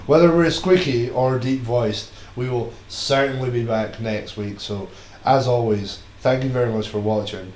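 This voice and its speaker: A man's voice: medium pitch, normal speed, darkish tone, echoey room, slight background noise. A man from Scotland co-hosting a fighting game stream, chatting casually with loose banter and easy swearing. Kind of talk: casual commentary chat.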